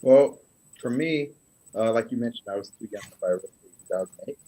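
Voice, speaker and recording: A man's voice: medium pitch, fast talker, mellow, low-quality recording. A young man chatting casually as a guest on a video call, with many fillers and tag questions, his audio cutting in and out so the volume keeps jumping. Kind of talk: casual chat.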